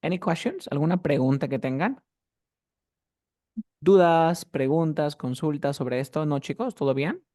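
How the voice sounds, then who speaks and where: A man's voice: on the high side, expressive, a little slow, dark tone. Patient male teacher drilling words. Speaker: English teacher. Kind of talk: online class instruction.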